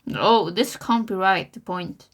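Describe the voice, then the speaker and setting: Young woman cohost, giggly and excited, keeps saying yeah. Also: medium pitch. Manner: giggly, excitable, quick to agree. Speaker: podcast co-host. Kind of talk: casual chat.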